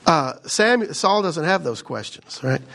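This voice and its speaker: A middle-aged man leading a relaxed Bible study, reading scripture aloud and unpacking it in a loose, conversational way. His voice is a little higher than most men's and has a gravelly, fry-tinged texture. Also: a little slow. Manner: conversational, reads scripture then explains with frequent "right?". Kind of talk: casual Bible study teaching.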